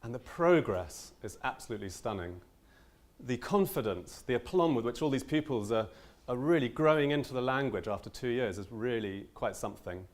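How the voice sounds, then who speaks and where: Young male teacher, earnest conference speaker, mid-pitched, lots of ums and restarts. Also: animated, normal speed. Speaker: language teacher giving a conference talk. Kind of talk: conference talk.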